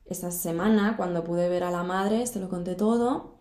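A woman's voice: on the low side, normal speed, darkish tone. Young woman, echoey room. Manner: earnest, emphatic, repeats words for stress. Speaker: guest recounting backpacking travels. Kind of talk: casual storytelling chat. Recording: roomy echo.

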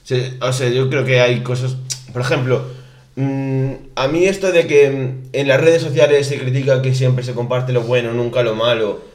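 A man's voice: mid-range voice, level tone, moderate pace. A young man from Spain co-hosting a podcast, chatting casually and rambling with frequent restarts. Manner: rambling, restarts often, says "tío". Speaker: podcast co-host. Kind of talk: casual chat. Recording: roomy echo.

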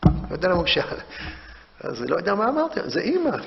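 A man's voice: sits high, wildly swooping pitch, creaky. Impassioned man lecturing in an echoing hall. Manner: impassioned, rising to loud emphasis, with halting restarts. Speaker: rabbi teaching a memorial class. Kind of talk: Torah lecture. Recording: dull recording in a reverberant hall.

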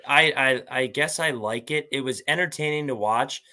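A man's voice: mid-range voice, moderate pace, pushed and bright. A man co-hosting a casual college football podcast, talking loosely, laughing often and swearing casually. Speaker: podcast co-host. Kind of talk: casual sports chat.

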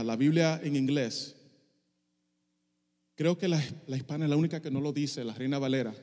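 A man's voice: on the high side, a little mellow, in a large hall. A middle-aged male pastor preaching a passionate sermon, dropping English phrases into his Spanish. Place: church sanctuary.

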